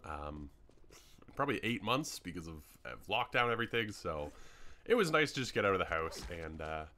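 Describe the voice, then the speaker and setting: A young man talks his way through a game world in loose, rambling commentary, dropping ums as he goes. His voice sits a bit low yet swings up and down with plenty of life, and his tone is bright. He sounds a little worn, as though his voice is starting to give out. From Canada. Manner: rambling, chatty, many ums. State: hiccups, voice starting to go. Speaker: gaming YouTuber. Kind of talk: casual gameplay commentary.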